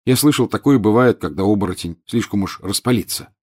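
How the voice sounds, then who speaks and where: A man's voice: fairly low pitch, brisk, a little mellow, lightly acted. Ron, a man doing a blunt grumbling schoolboy. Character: blunt teenage schoolboy wizard.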